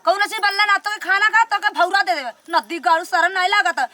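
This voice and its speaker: A woman's voice: brisk, pushed and bright. A woman with an Awadhi accent playing an exasperated village wife who nags and scolds in a comedy skit. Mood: angry scolding. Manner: shrill, nagging, combative complaining.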